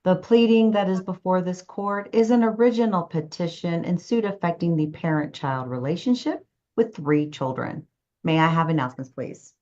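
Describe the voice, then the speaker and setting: A woman judge speaking in a measured, formal, procedural way, heard on a courtroom recording that is being played back. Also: fairly low pitch, a little mellow, lo-fi sound.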